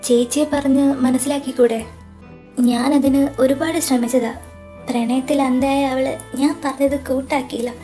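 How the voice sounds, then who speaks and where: A woman's voice: sits high, fairly even intonation, moderate pace, dark tone, faint music behind. A woman voicing the characters of an amateur audio drama, delivering the dialogue in an earnest, emotional way.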